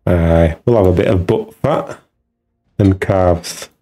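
A man's voice: sits low, takes it slowly, mellow, faint music behind. A man giving casual, musing commentary while streaming a video game, talking half to himself as he tinkers with settings.

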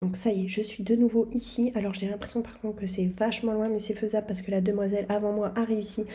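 A woman's voice: mid-range voice, little pitch movement, fast, dark tone. A woman giving chatty, self-mocking commentary over her own gameplay and talking straight to her viewers. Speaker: gaming video creator.

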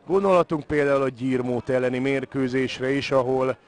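A man's voice: mid-range voice, fairly even intonation. A man giving live football commentary, moving between naming the play and analysing the match.

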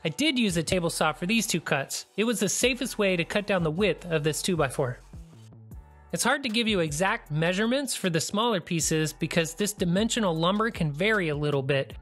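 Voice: mid-range voice, animated, brisk, a bit bright, faint music behind. A DIY channel host giving a plain, practical, step-by-step tutorial voice-over.

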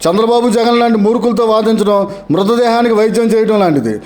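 Mocking, fast-talking male commentator. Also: high-pitched, darkish tone. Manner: sarcastic, mocking, repeating taunts. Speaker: political commentator. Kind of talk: scripted political commentary narration.

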